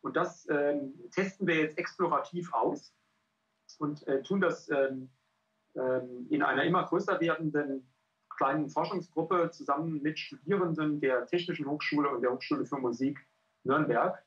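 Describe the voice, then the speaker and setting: A middle-aged man presenting a research project over a video call, halting and full of filler sounds. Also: a little high, a bit bright. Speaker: cultural scientist and pianist presenting a research project. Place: indoor room. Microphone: headset on a video call. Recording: dull lo-fi call audio.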